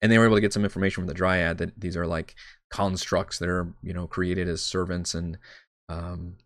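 Low-voiced man rambling as game master. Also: level tone, a little fast, no room sound, studio quality. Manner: rambling and self-deprecating, swears casually. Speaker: dungeon master. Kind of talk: casual livestream chat while prepping a game.

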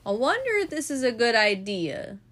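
An earnest, determined woman animal control officer from a bedtime storybook, as a mother reads her part. Her voice rises and falls in a lively way. The delivery is plain and sincere. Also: fairly high pitch, normal speed.

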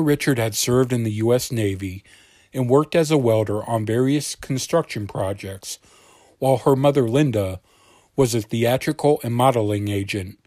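A man with a mid-pitched voice reads scripted true crime narration as a podcast host. He has the suspenseful delivery of a crime show narrator. The sound is close and dry, with very little room in it. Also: darkish tone, no echo.

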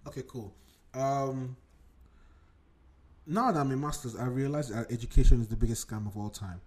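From a computer desk in his home, a podcast host, a Nigerian man in his twenties, talks casually on his own, digressing and cursing without restraint as he rambles. He speaks at normal speed in a mid-range, slightly mellow voice.

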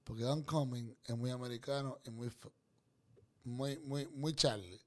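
A man's voice: medium pitch, steady tone, moderate pace, a bit bright. Rowdy, crude joking man. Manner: crude, teasing, boisterous banter. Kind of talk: casual joking chat.

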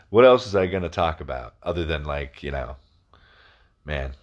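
Male podcast co-host, very deep voice, rambling casual delivery with freely dropped swears. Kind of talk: casual chat.

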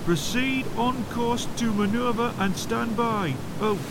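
A man plays a brisk shore radio operator who relays messages in clipped, formal procedure. His voice is very high. A clear hiss and rumble sit behind him. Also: steady tone, full character voice.

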